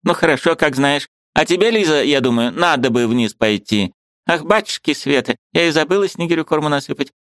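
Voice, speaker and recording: A man reading an audiobook and voicing a fussy, bustling old aunt who talks in a brisk, scolding, chattering way. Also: fairly high pitch, lively intonation, a bit bright, no echo, voice pushed up.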